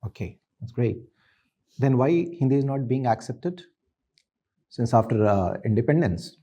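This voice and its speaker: A man's voice: medium pitch, measured pace, dark tone, muffled recording. A man with an Indian accent putting insistent, probing questions as an interview panellist.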